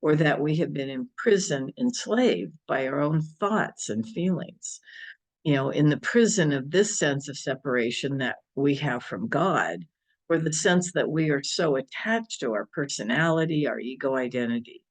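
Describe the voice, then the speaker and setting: A man giving a spiritual talk and guided affirmation as a service leader, with measured, deliberate phrasing. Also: mid-range voice, animated. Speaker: spiritual service speaker leading a ceremony.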